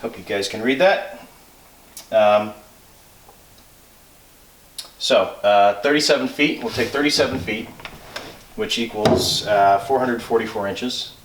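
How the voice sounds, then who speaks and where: Male instructor, fairly low voice, informal hands-on technical explainer, pauses to check himself, recorded away from the mic. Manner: halting, self-checking, thinking aloud. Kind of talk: informal technical explanation, working through calculations aloud. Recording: roomy echo, distant microphone.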